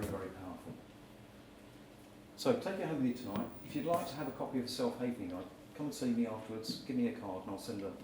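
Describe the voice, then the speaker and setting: A man giving a short live talk, walking the audience through exercises and calling out loudly at times. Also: on the low side. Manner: energetic, instructing the crowd, rising to loud calls. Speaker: speaker at a live talk event. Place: event venue with a live audience. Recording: echoey hall, far from the mic, crowd noise.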